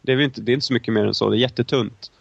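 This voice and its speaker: A man's voice: mid-range voice, fairly even intonation, gravelly, breathy edge, dry recording, muffled recording. A young man co-hosting a casual film review chat, talking in long, winding, hesitant turns. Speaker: film podcast co-host.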